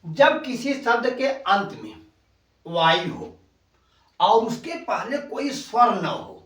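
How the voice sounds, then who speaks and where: A man teaching an English grammar lesson, explaining slowly and spelling words out letter by letter. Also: high voice, animated, fairly bright tone. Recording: echoey room, voice from a distance.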